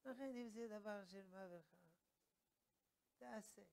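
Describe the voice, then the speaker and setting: Male rabbi, humorous lesson, high voice, acts out scenes. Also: vocal fry, a little mellow, poor audio. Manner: acts out little scenes, conversational.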